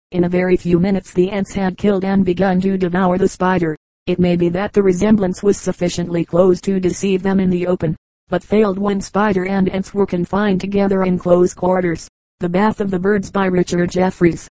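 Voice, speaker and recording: A woman narrating an audiobook in a calm, measured reading voice. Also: lowish voice, dry recording, rough recording. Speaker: audiobook reader. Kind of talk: scripted narration.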